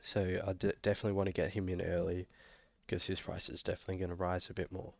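Talking fast in a flat, low voice with fry, a young Australian bloke who's under the weather coughs occasionally. He's a fantasy football vlogger giving casual screen-share commentary, relaxed yet hesitant and full of fillers. The audio from the small indoor room is dry, with a dull webcam sound.

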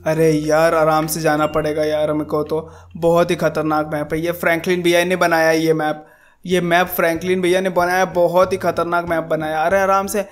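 A young man giving excited gameplay commentary as a gaming YouTuber, yelping and exclaiming often. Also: high-pitched. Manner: excitable, frequent yelps and exclamations.

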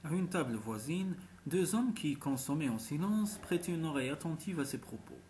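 Calm male storybook narrator. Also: a little high, moderate pace, slight background noise. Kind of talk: storytelling reading.

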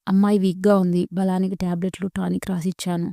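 A woman voicing a kind, firm middle-aged woman doctor in a storybook reading, asking questions gently. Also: lowish voice, little pitch movement, fast, vocal fry, no room sound, clean studio sound. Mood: advising.

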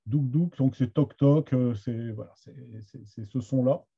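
Husky man with a Somme Picard accent. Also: medium pitch, steady tone, unhurried, dark tone. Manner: hesitant, many restarts and fillers. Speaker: Picard literature teacher. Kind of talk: online master class lecture. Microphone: computer mic on a video call. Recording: dull lo-fi video call audio.

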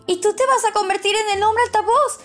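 Very high-voiced excitable woman. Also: fairly quick. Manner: excitable, playful. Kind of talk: playful kids' skit. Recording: loud music underneath.

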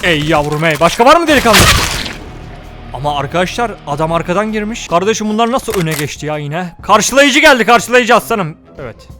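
Excitable young man shouting over gameplay. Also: high-pitched, fairly quick. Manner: excitable, jokey, shouts during fights. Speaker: gaming YouTuber. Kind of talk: gameplay commentary. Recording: game audio with music and gunfire behind. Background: music and gunfire.

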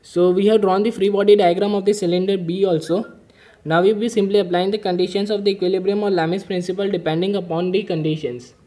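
A man's voice: sits high, steady tone, fast talker, mellow. A man explaining an engineering mechanics problem step by step while drawing diagrams, methodical and patient. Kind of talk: whiteboard-style problem-solving lesson.

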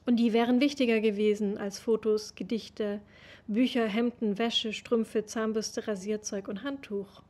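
A young woman giving a slow, measured literary reading, recorded over a webcam in a room at home. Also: on the high side, steady tone, a little mellow. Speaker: reader of literary texts.

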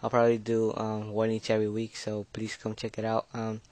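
A nervous fifteen-year-old boy, a gaming video creator, gives casual gameplay commentary, mumbling hesitantly with speech slightly slurred by braces. His male voice is lowish, completely flat, brisk, and a little mellow, recorded with no echo.

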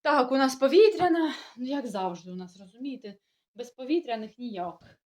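A woman's voice: high-pitched, normal speed, a little mellow. A young woman with a sore throat, chatting casually to her viewers about everyday matters. She rambles and restarts, sounding puzzled. Her first language is Russian. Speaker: village-life vlogger. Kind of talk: casual talk to camera.

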